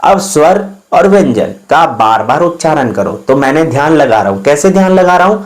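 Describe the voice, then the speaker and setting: Higher-voiced man teaching informally. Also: very animated, normal speed. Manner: explanatory, often checks in with listeners; sounds out vowels and consonants one by one. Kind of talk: informal spoken lesson.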